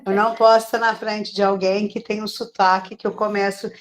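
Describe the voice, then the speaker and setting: A woman's voice: medium pitch, little pitch movement, a little fast, a little hiss or hum. A woman in a group discussion sharing a personal problem, earnest and a little hesitant as she begins. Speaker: therapy student.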